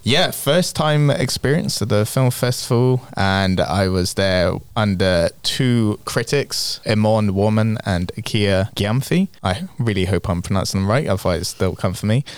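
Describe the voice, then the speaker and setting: A man with natural croaky vocal fry, chatting casually as a film critic guest on a podcast. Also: lowish voice, expressive, a little slow, hardly any pauses, no room sound. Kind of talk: casual chat.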